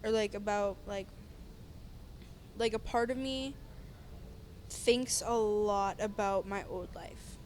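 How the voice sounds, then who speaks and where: A woman's voice: medium pitch, fairly even intonation, takes it slowly, long pauses, darkish tone, slight background noise. A woman talking earnestly and hesitantly in a casual podcast chat, often searching for her words.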